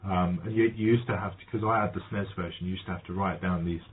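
A man's voice: deep voice, steady tone, fast. A man chatting casually, reminiscing in a rambling way with many ums and restarts. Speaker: podcast guest. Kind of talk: casual chat. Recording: tinny phone-like line, faint noise.

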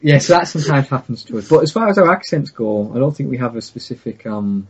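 A man with a north-east English accent from the Teesside area talks casually in a husky voice. He rambles and restarts sentences, hesitating as he goes. The recording is a little dull and lo-fi. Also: mid-range voice, fast. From north-east England, Teesside area. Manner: rambling, hesitant, often breaking off mid-sentence. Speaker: gaming video creator, interview guest. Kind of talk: casual chat.

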